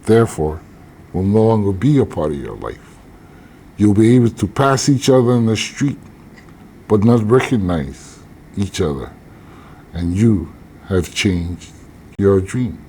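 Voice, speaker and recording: Older man, elder teaching tradition, slow measured delivery, lowish voice. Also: expressive, dark tone, slight background noise. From Hawaii. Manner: slow, measured, with deliberate pauses.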